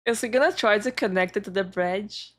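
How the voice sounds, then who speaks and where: A woman's voice: medium pitch, fairly quick, a bit bright. A woman streaming as a VTuber, reacting casually with brief, playful interjections.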